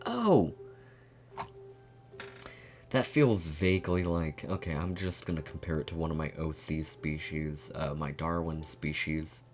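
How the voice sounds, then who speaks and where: Male streamer, very low voice, unhurried and giggly, faint game music behind. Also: a little mellow. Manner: giggly, rambling, laughs often. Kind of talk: casual game playthrough commentary.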